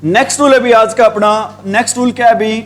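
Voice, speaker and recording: Speaking in Hindi, a male teacher leads a grammar lesson on English with a high-pitched voice and fairly even intonation. He repeats his questions again and again in call-and-response style, and he lingers on words as he spells them.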